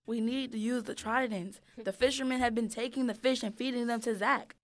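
A woman's voice: fairly high pitch, steady tone, brisk, natural voice. A woman voicing a feisty, suspicious mermaid who accuses others in improvised comedy. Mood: indignant. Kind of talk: improvised comedy role-play.

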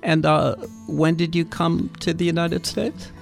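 A man hosting a radio interview, asking friendly questions with many "uh" pauses. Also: on the high side, little pitch movement, creaky, faint music behind. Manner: friendly questioning, frequent "uh" fillers. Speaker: radio host interviewing young guests.

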